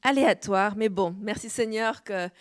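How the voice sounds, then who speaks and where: A woman pastor in her thirties from France, preaching a sermon with an easy, earnest manner and a light French accent, full of amens and little pauses. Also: medium pitch. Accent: French, slightly shifting. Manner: warm, earnest preaching with frequent "amen" and "euh". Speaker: guest pastor. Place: church hall.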